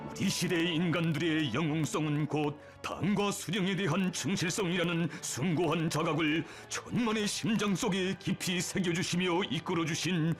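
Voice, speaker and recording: A man's voice: on the high side, moderate pace, few pauses, soft background music. A man with a North Korean accent narrating a scripted propaganda documentary in a solemn, reverent, emotive declamatory manner.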